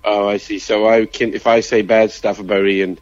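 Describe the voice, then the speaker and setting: A man's voice: on the low side, flat delivery, moderate pace, dull audio. A man calling into a radio show, joking and teasing the guests. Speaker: caller. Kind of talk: casual phone call.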